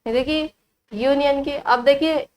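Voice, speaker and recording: A woman with an Indian accent teaching an online grammar lesson. She asks her students questions and answers them herself, repeating key words slowly as a drill. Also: high-pitched, fairly even intonation, a little hiss or hum, rough recording.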